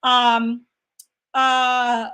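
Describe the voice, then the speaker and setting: A woman's voice: fairly high pitch, monotone, very slow, pushed and bright, clear, resonant tone. A young adult woman hosts a casual livestream and chats animatedly while reading out viewer comments. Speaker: host reading live chat.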